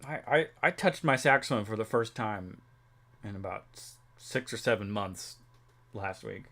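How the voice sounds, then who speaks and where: A man's voice: on the low side, expressive, moderate pace, sharp tone. A young man livestreaming, chatting casually with viewers in a rambling way with lots of fillers. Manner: rambling, filler-heavy, reads chat aloud. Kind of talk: casual chat with stream chat.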